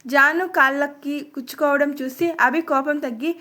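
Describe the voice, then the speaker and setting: A woman with a high voice narrates a family love story. She tells it in a dramatic, emotive way, as a storyteller reading aloud. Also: steady tone, moderate pace, sharp tone.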